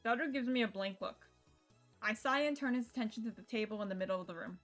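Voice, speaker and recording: A young woman live streams a game with a slightly high, bright voice and a quick pace, rambling, joking around, reading text aloud, and swearing now and then. Visual novel game music plays behind her.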